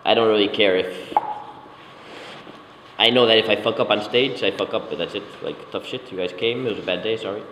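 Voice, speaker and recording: A young man, a circus performer, talking casually in an interview, relaxed and swearing offhandedly. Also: on the low side, fairly quick. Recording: echoey hall, background noise.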